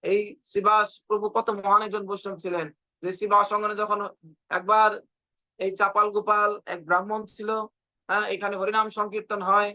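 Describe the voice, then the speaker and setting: A man's voice: sits high, little pitch movement, fairly quick, sharp tone, low-quality recording. A man giving a fervent devotional sermon on a video call, retelling stories with repetition and acted quotes. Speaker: preacher.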